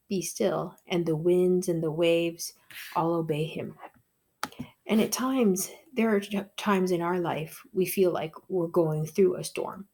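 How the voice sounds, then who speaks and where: A woman tells a devotional story in a soft-spoken, unhurried voice. Her pitch sits low, and she takes her time over every phrase. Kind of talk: gentle devotional talk.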